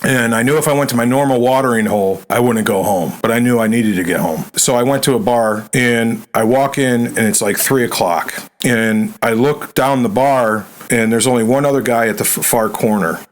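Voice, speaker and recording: A man's voice: medium pitch, moderate pace, hardly any pauses, low-quality recording. A middle-aged man telling his personal recovery testimony in a sit-down interview, acting out the dialogue and dropping "right?" and "man" as he goes. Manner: storytelling, acts out quoted dialogue, fillers like "right?" and "man". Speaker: podcast guest.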